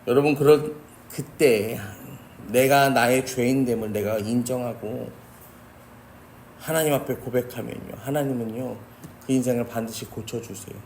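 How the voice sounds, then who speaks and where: A man's voice: medium pitch, moderate pace, darkish tone, slight background noise. A man preaching a sermon as pastor, earnest and often addressing the congregation directly. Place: church sanctuary.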